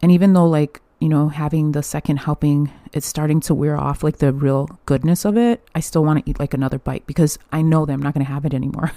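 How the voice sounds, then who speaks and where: Speaking fast with few pauses, a young woman hosts her own podcast in a candid, chatty monologue full of swearing and laughter. Her voice is deep and dark, with no room sound.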